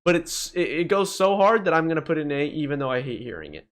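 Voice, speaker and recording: A young gaming video host with a slightly high, sing-song voice talks fast. He gives casual, opinionated tier-list commentary, using profane slang and exclaiming as he ranks things.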